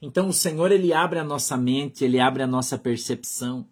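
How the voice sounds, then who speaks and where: A man's voice: mid-range voice, brisk, husky. A Brazilian man with a Brazilian Portuguese accent, a pastor preaching in a conversational way and often checking that his listeners follow along. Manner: conversational preaching, keeps asking the flock "understood?". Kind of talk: sermon.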